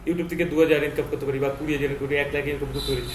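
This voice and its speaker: A man's voice: on the high side, little pitch movement, very fast. A man tutoring a learner, repeatedly asking questions and correcting pronunciation. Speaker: teacher. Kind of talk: tutoring lesson, quizzing a learner. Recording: echoey room with faint noise.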